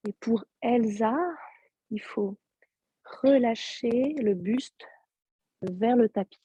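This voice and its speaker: Soft-spoken husky woman guiding yoga. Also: a little high, takes it slowly, dry recording, highs cut off. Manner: soft-spoken, calm step-by-step cues. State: sore throat. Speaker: yoga teacher. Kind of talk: guided yoga class instruction. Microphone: video call.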